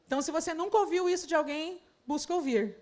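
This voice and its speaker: Her voice is very high-pitched and darkish, and she talks fast as she preaches to church leaders at a conference. The sermon is aimed squarely at her listeners, packed with rhetorical questions.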